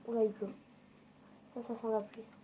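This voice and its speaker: A woman's voice: fairly high pitch, level tone, normal speed, mellow, slight background noise, low-quality recording. A woman giving casual, chatty gameplay commentary, swearing freely and talking straight to her viewers. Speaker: gaming video creator.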